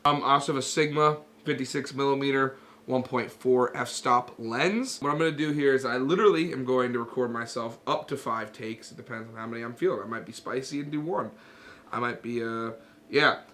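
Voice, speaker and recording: A man's voice: medium pitch, a little fast, slight background noise. A man with a nasal voice, explaining step by step in casual talk how he records and edits his own song. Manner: relaxed, explaining each step with fillers.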